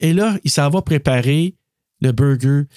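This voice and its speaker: A man's voice: fairly high pitch, unhurried, clean tone, no echo, clean studio sound. A man with a Québécois accent, co-hosting a podcast and retelling a film in casual talk full of fillers. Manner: animated retelling with many fillers. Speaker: podcast co-host.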